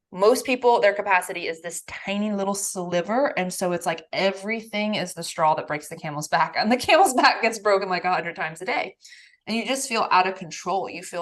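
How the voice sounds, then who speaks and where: A female podcast host who works as a nervous system coach chats casually on her show. Her voice is in a lower register, and her delivery is animated and emphatic, with frequent laughter.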